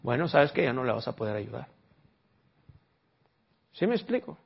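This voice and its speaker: A man's voice: medium pitch, very animated, moderate pace, creaky, breathy edge. A man preaching a sermon in a conversational way, often quizzing the congregation. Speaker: pastor. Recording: dull lo-fi recording.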